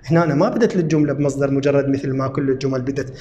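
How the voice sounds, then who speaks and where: A man with an Iraqi Arabic accent explaining an English lesson, asking himself questions and then slowly repeating the answers word by word. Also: medium pitch, steady tone, mellow, echoey room, highs cut off, a little hiss or hum. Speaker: English teacher.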